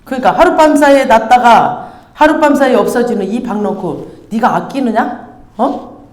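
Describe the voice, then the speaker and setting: A woman pastor preaching a sermon in a lively, teasing, conversational way, acting out scenes for her congregation. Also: fairly high pitch, moderate pace. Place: church hall. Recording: roomy church hall echo.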